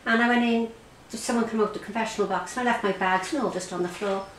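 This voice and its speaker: A woman's voice: on the high side, fairly even intonation, quick pace. Irish woman talking through what happened to her, stops and repeats words, echoey room, faint hiss behind. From Ireland. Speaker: interviewee recounting her experience. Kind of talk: personal testimony in an interview. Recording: roomy echo, faint background noise.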